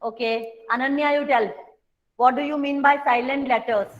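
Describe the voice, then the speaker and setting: A woman's voice: sits high, steady tone, drawn-out words, lo-fi sound. An Indian woman teacher giving an online class, explaining patiently and switching between Hindi and English.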